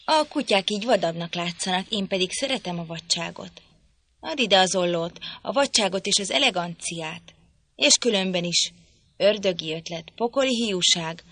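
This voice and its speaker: A woman reading an audiobook, voicing a drunken, violent young father who rants and threatens loudly. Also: mid-range voice, dry recording. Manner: loud, ranting, threatening.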